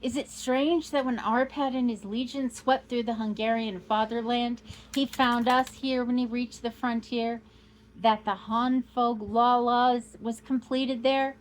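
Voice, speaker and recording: A woman reading aloud as a proud, boastful old male count, declaiming grandly and rising to loud outbursts. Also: on the high side, fairly even intonation, measured pace, a little hiss or hum, lightly acted, poor audio. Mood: fiery.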